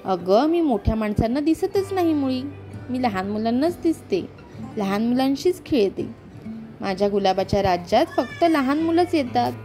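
Woman doing a gentle fairy rose queen, storybook, soft coaxing, high-ish voice. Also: lively intonation, normal speed, faint music behind, close to an everyday voice.

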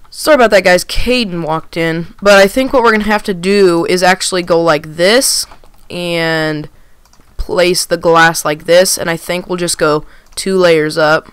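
A young woman casually talking through her gameplay, relaxed and rambling with plenty of ums. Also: on the low side, smooth. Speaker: gaming channel host. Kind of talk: casual let's-play commentary.

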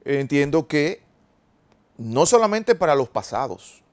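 A man, a lawyer being interviewed on a TV program, who explains things in a measured, formal legal way. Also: on the high side, big pitch swings. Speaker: lawyer guest.

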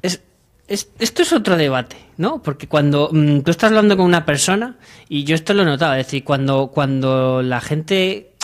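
A man's voice: a little high, moderate pace. A young man from Madrid, joking and acting out dialogue as humor contributor in a small radio studio. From Madrid, Spain. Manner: animated, gesturing, acts out dialogue in voices. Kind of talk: comedic radio chat. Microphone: desk mic on stand.

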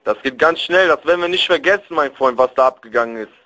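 A man's voice: a little high, animated, fast, bright, forceful tone, low-quality recording. A young man talking over the phone in a menacing, slangy, confrontational way, as in a threatening prank call. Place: on a telephone call.

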